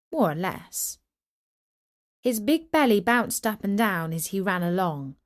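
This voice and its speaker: A medium-pitched woman reads a scripted children's story aloud. Her storytelling is expressive, measured and deliberate.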